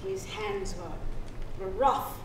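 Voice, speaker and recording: A middle-aged actress speaks at a medium pitch in a solo storytelling monologue on a theatre stage, playing a free young woman who solemnly recalls her birth at sea. Her manner is tender, measured, halting and deliberate. The sound is distant and roomy, with a hissy ambience.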